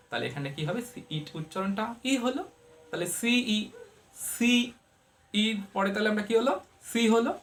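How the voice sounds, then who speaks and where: A woman teaching English pronunciation to viewers, explaining each rule step by step and posing questions she answers herself. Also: medium pitch. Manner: uses everyday family comparisons to explain.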